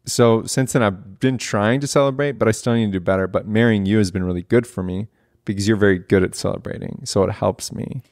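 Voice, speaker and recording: Young male podcast host, lowish voice, reflective, dry close recording. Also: fairly quick, darkish tone, no room sound. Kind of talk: casual conversational podcast talk.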